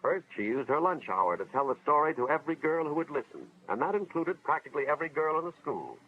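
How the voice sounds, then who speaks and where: Narrating a 1950s educational film as an earnest school official, this American man tells a dramatic, moralizing story in a slightly high voice. He's very animated and quick, with a little background noise. The old film soundtrack sounds dull and has music behind it.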